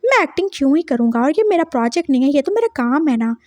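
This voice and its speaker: A woman's voice: high-pitched, normal speed, darkish tone, no echo, lightly acted. A woman voicing a young male doctor who is doting yet bossy, coaxing and insistent in a fan story.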